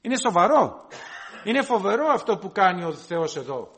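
A man's voice: high voice, big pitch swings, a bit bright, slight background noise. A man preaching a sermon, earnest and exhorting, repeating his points to the congregation.

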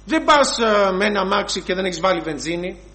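Male preacher, high-pitched, lively storyteller who acts out the scenes. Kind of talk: sermon.

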